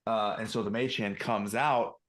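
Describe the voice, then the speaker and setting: A man playing in a tabletop game, joking and animated as he describes his character's actions. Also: on the low side, normal speed. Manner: animated and joking, with lots of restarts. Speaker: player. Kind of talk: casual tabletop play.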